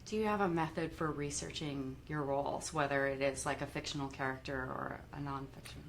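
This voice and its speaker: A woman's voice: rumbling low, fairly even intonation, brisk, gravelly, a little hiss or hum. A woman hosting a live interview, asking questions in a friendly, giggly way. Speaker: interviewer host.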